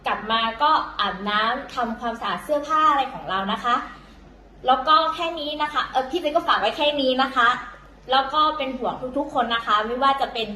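A woman's voice: high voice, a little fast, bright, forceful tone, reverberant, slight background noise, poor audio. A woman teaching in a casual, chatty way, full of fillers and self-corrections, talking to viewers as younger siblings. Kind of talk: casual vlog-style lesson.

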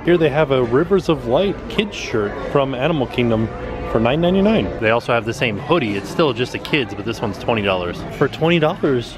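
A man in his thirties, a vlogger, chatting upbeat about prices while browsing a busy store on a handheld camera. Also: medium pitch. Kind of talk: casual vlog narration. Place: busy outlet store and parking lot.

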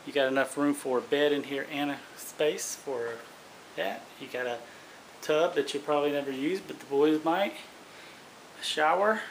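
A man giving a casual walk-through commentary inside a small empty trailer, recorded on a handheld phone. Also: fairly high pitch. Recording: noisy handheld recording with clicks.

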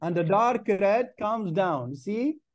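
A man's voice: high-pitched, lively intonation, slow. A man in his forties with a Lebanese accent, coaching children in drawing over a video call and repeating praise. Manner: encouraging, mixes English with Lebanese Arabic, repeats praise. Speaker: art coach. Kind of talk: remote drawing lesson. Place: small room, indoors. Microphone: video call webcam.

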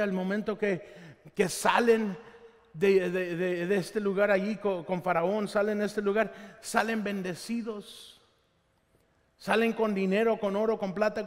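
A male pastor delivering a sermon during a live church service, telling Bible stories in an animated way and acting out what the characters say. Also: sits high. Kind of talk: Spanish-language sermon. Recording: long reverb of a church hall.

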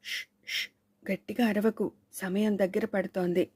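A woman's voice: medium pitch, steady tone, moderate pace, dark tone, close to an everyday voice. A woman reading the lines of a cautious, uneasy learned man who scolds his companion in anxious tones in a storybook thriller.

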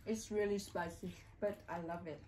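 A woman chatting casually with her husband over a home-cooked meal, speaking as an in a soft, halting way with many hums. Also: fairly low pitch, fairly even intonation, a little hiss or hum, poor audio. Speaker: vlogger eating with her husband. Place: home kitchen or dining table.

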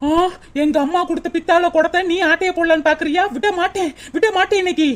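A woman voicing an angry young village wife in a cartoon, scolding in a shrill, rapid manner. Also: fairly even intonation. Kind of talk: cartoon voice acting.

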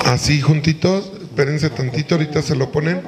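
A man's voice: fairly high pitch, a little fast, noisy background. A middle-aged man with a Mexican accent, a priest leading a couple through a wedding mass in a large church, giving directions with light jokes. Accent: Mexican Spanish. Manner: directive, gently joking.

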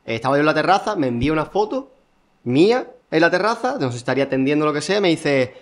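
A man's voice: on the high side, very animated. A man co-hosting a casual talk, chiming in and sharing his own stories. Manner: chatty, agreeable, quick to chime in with "claro" and "tío". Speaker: podcast co-host. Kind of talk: casual interview chat.

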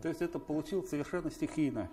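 A man moderating a live panel discussion, introducing guests and hesitating with many drawn-out filler sounds. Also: fairly high pitch, warm tone, slightly rough.

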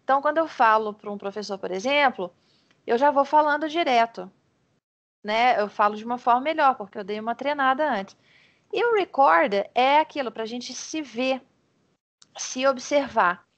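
A woman with a Brazilian Portuguese accent tutors a student over a video call, her voice a little higher than most. She talks in a friendly, encouraging flow, breaking off and restarting sentences as she explains her points. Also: lively intonation, moderate pace, fairly bright tone, dull audio. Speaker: English teacher. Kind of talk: online tutoring lesson.

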